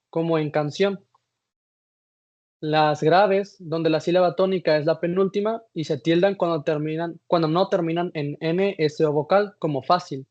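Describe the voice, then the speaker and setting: A man's voice: fairly high pitch, a little mellow. A man giving a class presentation, reading from slides with some hesitations and restarts. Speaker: student presenter. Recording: dull lo-fi recording.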